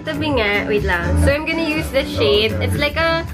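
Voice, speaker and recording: A woman's voice: sits high, lively intonation, normal speed. A tipsy, giggly woman with a Filipino accent, hosting a casual makeup tutorial with bossy banter in Tagalog and English. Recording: loud music over the talk. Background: loud music.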